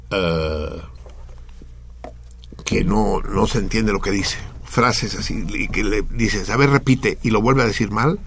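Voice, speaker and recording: A man with a Mexican accent, talking casually on radio as host, explaining things to listeners in a lively, profane way. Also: fairly low pitch, vocal fry, breathy edge.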